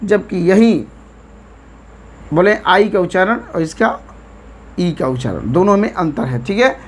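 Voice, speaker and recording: A woman's voice: fairly low pitch, expressive, measured pace, husky. A woman with an Indian accent teaching an English vocabulary lesson, spelling words letter by letter and often checking in with "theek hai".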